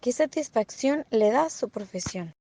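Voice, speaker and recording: Una mujer que hace preguntas breves y formales de entrevista. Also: female voice, a little high, animated, a little slow, mellow, husky. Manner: short, formal questions. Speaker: interviewer. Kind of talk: reading interview questions.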